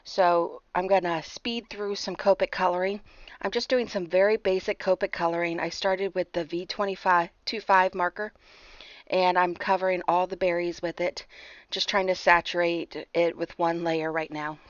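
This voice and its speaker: A woman narrating a card-making tutorial over her footage in a chatty way. She sounds a bit hoarse, clears her throat, and talks through each step with fillers and apologies. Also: on the low side, steady tone, normal speed, dry recording, lo-fi sound.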